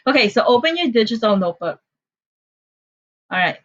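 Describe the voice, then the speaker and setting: Speaking at a normal pace with big swings in pitch, this slightly high-voiced woman from the Philippines runs an online class in a Filipino accent. She's chatty and apologetic, filling her speech with fillers, and her computer mic on the video call cuts off the highs.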